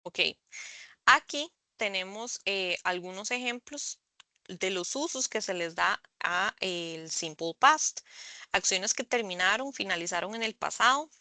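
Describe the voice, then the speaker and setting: A woman tutoring English over a video call, explaining slowly and patiently, often checking in with the students. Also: mid-range voice, expressive, sharp tone, no room sound. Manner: slow, patient explaining with frequent "¿verdad?". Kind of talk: online tutoring session. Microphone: computer mic on a video call.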